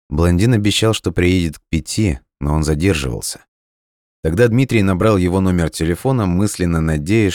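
A man narrating an audiobook in measured, even storytelling. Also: extremely low pitch, dry recording, studio quality.

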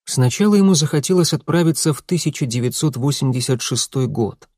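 A man narrating an audiobook in a steady, measured way. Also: fairly high pitch, dry recording, clean studio sound.

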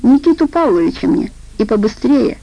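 A woman's voice: on the high side, sing-song, normal speed, creaky, dark tone, dry recording, muffled recording, exaggerated voice. A woman reading an audiobook voices a domineering, rude woman boss who speaks curtly and harshly, with a commanding tone.

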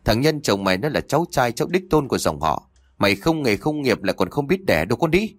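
A man voicing a spiteful, scornful middle-aged mother-in-law, nagging venomously and fast in a storybook reading. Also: mid-range voice, very animated, no echo.

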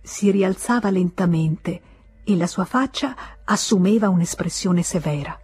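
Lettrice con voce molto velata e bassa. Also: female voice, a little slow, breathy edge. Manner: expressive, voices the characters' dialogue with feeling. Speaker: audiobook narrator. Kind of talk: dramatic literary reading.

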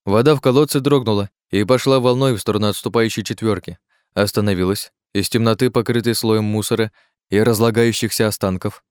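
A man narrating a dark fantasy audiobook in an even, measured reading. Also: lowish voice, clean tone, dry recording, clean studio sound.

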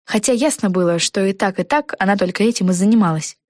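A woman narrating a children's storybook in an even, clear manner. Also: medium pitch, quick pace, no echo, clean studio sound.

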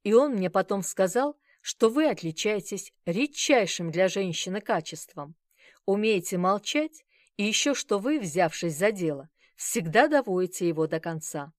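A woman's voice: medium pitch, expressive, normal speed, dry recording, close to an everyday voice. Brief: woman voicing a formal, grateful older-sounding man, earnest and polite, close dry read. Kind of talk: audiobook reading.

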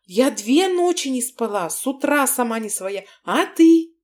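A woman reading an audiobook, voicing an emotional young woman who is shrill and reproachful. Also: sing-song, unhurried, darkish tone.

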